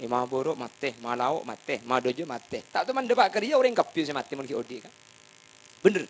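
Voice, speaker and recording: A man giving a humorous sermon, swinging from soft asides to loud impassioned bursts. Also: mid-range voice, lively intonation, brisk, a little hiss or hum. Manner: chants salawat and sings lines. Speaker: preacher.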